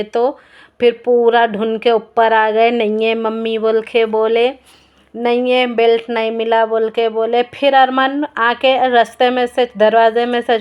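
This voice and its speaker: A woman's voice: fairly high pitch, smooth, dull audio. A woman, a mother narrating a family vlog in a rambling, repetitive way. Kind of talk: casual vlog voice-over.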